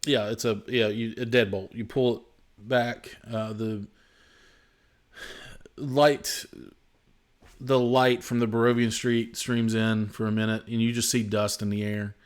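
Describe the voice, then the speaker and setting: A man narrating as game master of a tabletop role-playing game, descriptive and unhurried, with frequent fillers. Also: on the low side, little pitch movement.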